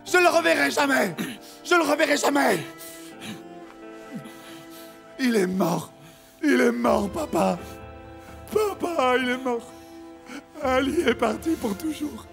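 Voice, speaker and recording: Dubbed TV drama: a young son, distraught and sobbing, high, gravelly, slow. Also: male voice, sharp tone, faint music behind, exaggerated voice. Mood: sobbing grief. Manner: sobbing, repeating himself in despair. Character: young man shattered by his friend's death. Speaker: grieving son.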